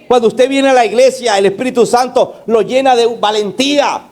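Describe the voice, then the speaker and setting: A man's voice: moderate pace, darkish tone. A male pastor preaching a sermon, emphatic, throwing rhetorical questions and call-outs to the congregation. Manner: emphatic, varying between raised and low delivery.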